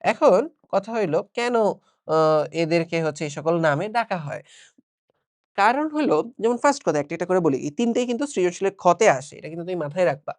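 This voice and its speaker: A man's voice: high voice, animated, a little fast, no echo, studio quality. A young man with a Bangladeshi Bengali accent giving a casual exam-prep biology lecture, chatty, asking and answering his own questions. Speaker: online biology teacher.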